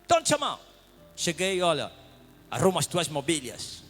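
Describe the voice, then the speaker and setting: A man preaching a testimony sermon, swinging from loud shouted praise to hushed whispers. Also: fairly high pitch, wildly swooping pitch, normal speed, husky, soft background music.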